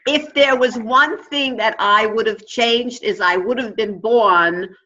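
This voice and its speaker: A woman with a New York accent speaks in a bright, forceful voice, coaching in a conversational interview style. She is emphatic and instructive, and the audio is slightly dull. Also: fairly high pitch, unhurried. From New York, United States. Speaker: interview guest, consciousness coach and teacher. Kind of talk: conversational advice-giving interview talk.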